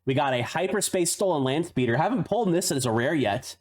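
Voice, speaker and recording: A man's voice: a little high, lively intonation, brisk, darkish tone. A man streaming a card pack opening, rattling off card names between chatty asides and the odd laugh. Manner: laughs at his own tongue-twisters. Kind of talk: casual unboxing commentary.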